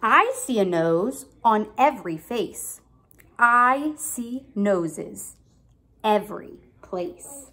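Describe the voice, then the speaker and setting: A young adult woman with a bright, expressive, forceful mid-range voice reads a picture book to a young child indoors at home. Like a teacher, she phrases things deliberately and emphatically and prompts with questions.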